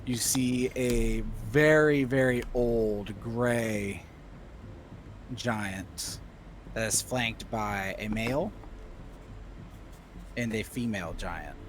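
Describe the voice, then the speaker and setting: Guy running a tabletop game, slow n halting narration, pauses mid sentence, slight background noise. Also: mid-range voice. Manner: halting, pausing mid-phrase. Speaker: game master.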